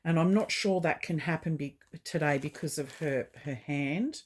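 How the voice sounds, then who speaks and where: A woman hosting a doll collecting channel, talking gently and haltingly with frequent fillers as she opens a parcel. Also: sits low. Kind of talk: unboxing vlog chat.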